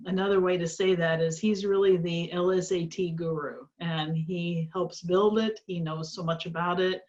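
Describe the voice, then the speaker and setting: A woman's voice: fairly low pitch, a little mellow. A middle-aged woman from a small town in Indiana, introducing a webinar as the organization's president, earnest and encouraging, with frequent fillers. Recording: slightly dull webinar audio.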